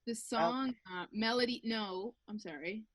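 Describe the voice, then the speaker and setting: Excited woman gushing about vinyl. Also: fairly high pitch, a little slow, no echo. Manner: enthusiastic, swears casually. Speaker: podcast guest. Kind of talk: casual chat about vinyl records.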